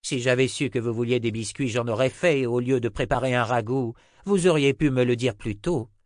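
A man's voice: mid-range voice, moderate pace, dry recording, clean studio sound, natural voice. A man doing a teasing woman cook.

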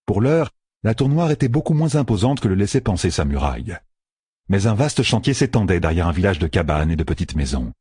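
A man narrating an audiobook in an expressive storytelling manner. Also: sits low, a little fast, slightly rough, dry recording, studio quality. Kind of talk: scripted narration.

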